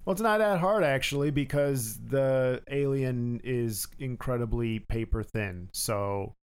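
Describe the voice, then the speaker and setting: A man with a clear, smooth voice of average pitch chats casually as co-host of a film review discussion. The delivery is conversational and informal. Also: a little slow.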